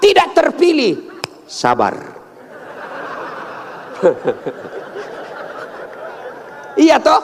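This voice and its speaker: A male preacher gives a humorous sermon at a big religious gathering, telling funny stories and jumping to high-pitched punchlines. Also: slight background noise. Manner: jokey, storytelling, animated with sudden high-pitched punchlines.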